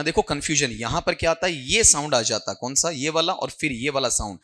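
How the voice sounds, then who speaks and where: A man's voice: mid-range voice, pushed and bright. A male teacher giving an exam-prep lecture, often quizzing his students and checking "ठीक है". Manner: questioning students, repeating "ठीक है".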